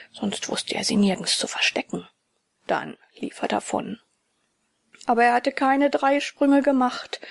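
Husky woman narrating a storybook. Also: sits high, no echo. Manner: expressive, often soft and hushed.

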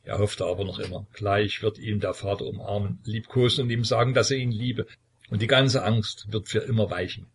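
Man, husky, low-pitched, dramatic audiobook narration. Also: steady tone. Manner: measured, dramatic reading.

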